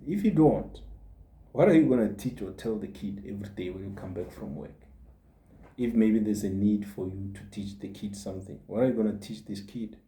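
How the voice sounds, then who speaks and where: A man's voice: on the low side, normal speed, dark tone. A man in his forties gives a motivational monologue as a podcast host, earnest and repeating his points for emphasis. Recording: roomy echo.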